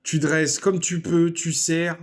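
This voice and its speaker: A man's voice: fairly high pitch, flat delivery, slow. A man talking viewers through a recipe in a casual, punning way, speaking straight to them. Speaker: home cook. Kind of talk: jokey recipe voice-over. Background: soft background music.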